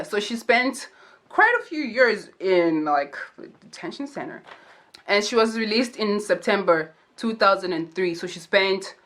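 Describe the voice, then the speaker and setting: A woman's voice: mid-range voice, fairly bright tone. A young woman telling a true crime story to camera in a casual, chatty way, full of "like" fillers and slangy asides. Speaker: true crime and makeup YouTuber.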